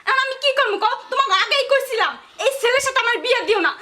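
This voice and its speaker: An actress playing a sharp-tongued young married daughter who talks back to her mother. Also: very high-pitched, rapid-fire, slight background noise. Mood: sassy. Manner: sharp, sassy back-talk. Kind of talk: rural comedy drama acting.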